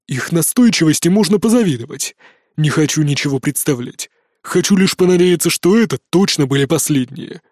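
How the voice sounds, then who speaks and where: A man voicing a gruff, cursing male squad fighter in an audiobook, with rough, curt outbursts. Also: fairly high pitch, expressive, a little fast, a little mellow, no room sound, clean studio sound. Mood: grim. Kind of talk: audiobook character voice.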